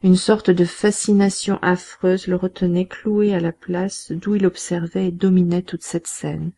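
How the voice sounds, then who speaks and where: A woman narrating a classic novel in a measured, steady reading voice. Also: lowish voice, husky. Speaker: audiobook narrator. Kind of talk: scripted narration.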